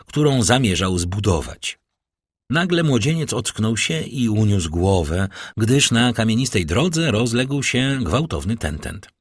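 A man narrating an audiobook in an expressive storytelling reading. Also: on the low side, husky, no room sound, clean studio sound. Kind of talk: scripted narration.

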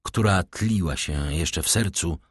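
A man narrating a classic novel as an audiobook, in a measured, dramatic reading. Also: sits low, slightly rough, no echo, studio quality.

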